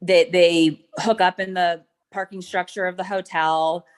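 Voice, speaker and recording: A middle-aged woman gives courtroom testimony in a fairly low voice. She retells events step by step, hesitant and full of ums. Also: fairly even intonation, unhurried, smooth. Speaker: witness.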